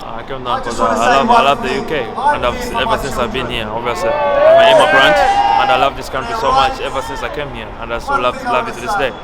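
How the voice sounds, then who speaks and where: A man's voice: mid-range voice, wildly swooping pitch, a little fast, few pauses. A man from Uganda speaking eagerly at an outdoor rally. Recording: loud crowd at a rally.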